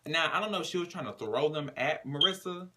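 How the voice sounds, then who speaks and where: A man's voice: on the high side, expressive, a little fast, pushed and bright. A man casually recapping a reality TV episode, using slang and profanity and retelling scenes with dramatic flair. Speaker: TV recap reviewer.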